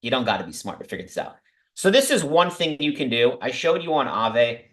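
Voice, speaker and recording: Male stream host, excitable and chatty, mid-pitched, room echo on the voice. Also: brisk. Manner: excitable, talks to viewers directly with many asides. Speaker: crypto livestream host. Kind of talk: casual livestream talk about investing.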